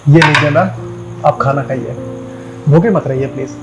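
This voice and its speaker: A man plays a gentle, eager-to-please house helper with a slightly high voice. He speaks politely and soothingly, with faint music behind him. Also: moderate pace, highs cut off, natural voice.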